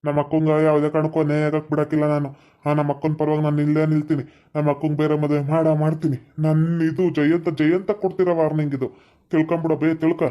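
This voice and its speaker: A woman's voice: low-pitched, flat delivery, fast talker, mellow, natural voice. A woman playing a brash young village man. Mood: swaggering. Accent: North Karnataka Kannada. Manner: boastful, swaggering.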